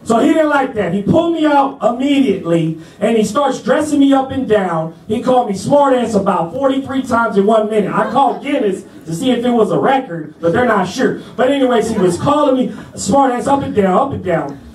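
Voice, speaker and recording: High-voiced guy doing a chatty stand-up story, kinda far from the mic. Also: animated, brisk, few pauses, a little mellow, echoey room. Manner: laid-back, chatty, asks the crowd "you know what I'm saying". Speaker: stand-up comedian. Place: comedy club stage.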